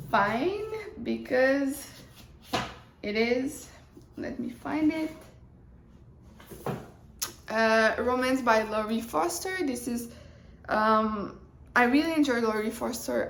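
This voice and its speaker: A young woman with a fairly high voice talks through her reading plans in a loose, rambling way. She cuts herself off and restarts mid-thought. The room gives her voice a noticeable echo. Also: slight background noise. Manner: rambling, chatty, self-interrupting. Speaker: book vlogger. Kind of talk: casual chat. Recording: roomy echo.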